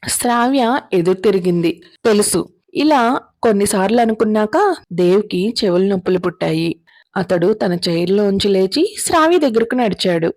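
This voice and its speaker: A woman narrating a serialized drama story in a steady, dramatic reading style. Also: mid-range voice, normal speed, dry recording, clean studio sound.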